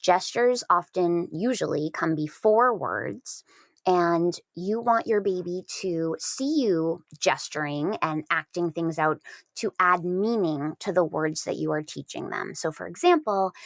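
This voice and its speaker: A woman speech therapist explaining clearly on a podcast, stressing key words. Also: on the low side, no room sound. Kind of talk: conversational podcast advice.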